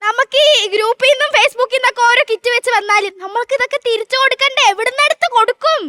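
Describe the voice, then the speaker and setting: A woman playing the sharp-tongued wife of a Dracula in a comedy stage sketch, scolding him with quick retorts. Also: very high voice, dry recording. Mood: nagging. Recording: stage sketch under loud music.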